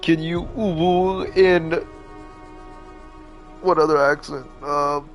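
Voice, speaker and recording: A man's voice: a little high, fairly even intonation, slow pace. A young man streaming a video game, joking and reacting aloud in slang. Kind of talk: gaming commentary. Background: game music.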